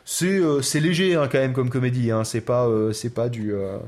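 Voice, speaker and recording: A man co-hosting a podcast in relaxed casual chat, hesitating with many fillers. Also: mid-range voice, moderate pace. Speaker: podcast co-host.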